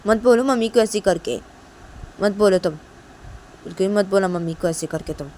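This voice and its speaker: A woman's voice: medium pitch, a little mellow, a little hiss or hum, close to an everyday voice. A woman voicing a guilt-ridden young woman who pleads and scolds her girlfriend. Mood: pleading. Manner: pleading, quick, raised.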